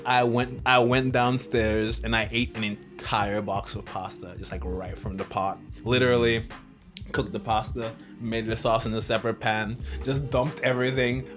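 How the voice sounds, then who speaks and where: A young man co-hosting a podcast, telling animated stories in a loose, casual chat full of "like" and "literally". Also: medium pitch, normal speed, soft background music. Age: young adult. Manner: animated storytelling, frequent "like" and "literally". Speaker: podcast co-host.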